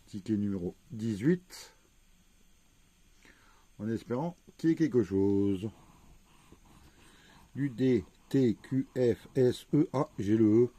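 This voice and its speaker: A man casually commenting as he scratches lottery crossword tickets, slowly spelling out letters one by one and checking words. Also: fairly low pitch, warm tone. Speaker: scratch-card vlogger.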